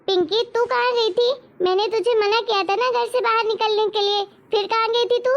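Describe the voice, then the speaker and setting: A woman's voice: extremely high pitch, fairly even intonation, normal speed, vocal fry. A woman voicing a stern old grandmother who scolds her granddaughter and favors her grandson. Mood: scolding. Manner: harsh, scolding. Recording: dull lo-fi recording.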